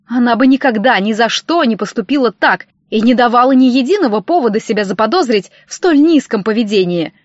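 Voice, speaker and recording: A woman voicing a smug, self-righteous estranged husband, speaking loudly and indignantly, on a dull, dry recording. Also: a little high, lively intonation, a little fast, few pauses, dry recording, natural voice. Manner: indignant, loud and sanctimonious.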